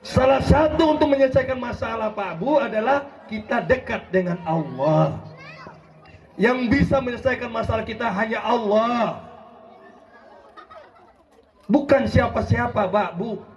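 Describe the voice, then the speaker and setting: High-voiced man preaching fervently. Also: unhurried, long pauses, some chatter behind, a little hiss or hum. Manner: rousing, often shouting, keeps addressing listeners directly. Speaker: preacher and legal consultant. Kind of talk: impassioned sermon to a congregation. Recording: dull lo-fi recording.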